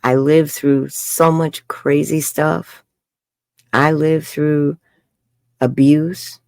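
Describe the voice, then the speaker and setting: Extremely slow and level in tone, her low, slightly mellow voice carries candid stories from her life in an interview. She's a chatty, frank New Yorker in her 70s who laughs often and says "bloody," recorded in studio quality without room sound.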